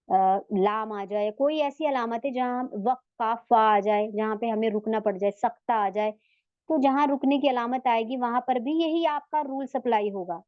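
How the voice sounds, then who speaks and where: A woman with a slightly high voice teaches a tajweed class online. She is patient and takes each step in turn, pausing to ask her students questions and stretching Arabic words out slowly to demonstrate them. The sound is dry and a little dull. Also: no echo. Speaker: Quran recitation teacher.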